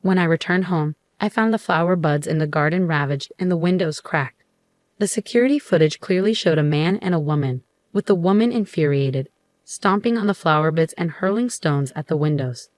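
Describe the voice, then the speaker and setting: A woman narrating a scripted first-person story in an even, steady way. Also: low voice, moderate pace, dry recording, studio quality.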